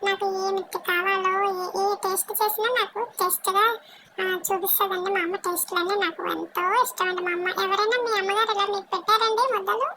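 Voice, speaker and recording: A woman's voice: very high voice, steady tone, fast, sharp tone, slight background noise, voice pushed up. A woman voicing a cheeky young male pet dog that talks to viewers like a complaining child. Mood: chatty complaining.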